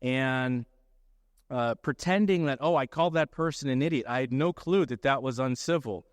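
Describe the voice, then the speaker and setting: Man, middle-aged, lawyer presenting, mid pitch, explanatory, dry close sound. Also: normal speed, smooth, no room sound. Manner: explanatory, often checks in with "okay?". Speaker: lawyer giving a talk. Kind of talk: conference presentation.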